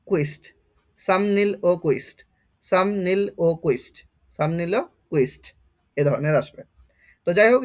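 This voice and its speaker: A man teaching an exam-prep vocabulary lesson, explaining patiently and repeating each word slowly to drill its pronunciation. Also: sits high.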